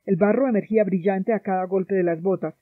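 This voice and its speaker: A woman from Colombia reading a novel aloud in a measured, sombre narration, heard through a dry, tinny phone-like sound. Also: mid-range voice, dry recording. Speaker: audiobook reader. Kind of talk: literary narration.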